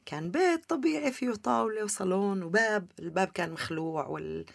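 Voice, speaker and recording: A woman with a Palestinian Levantine Arabic accent tells personal stories in an interview. She talks quickly, with a creaky edge to her voice. The sound is close and dry, with very little room. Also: medium pitch, animated, dry recording. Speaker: interview guest. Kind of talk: personal storytelling in a conversational interview.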